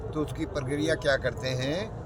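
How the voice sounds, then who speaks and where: A man of seventy, a Naga sadhu, slowly and plainly recounting his life in an outdoor interview. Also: a little high, steady tone. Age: 70s. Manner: slow, repetitive, plain-spoken recounting. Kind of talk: casual storytelling in an interview. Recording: outdoor recording with loud traffic noise.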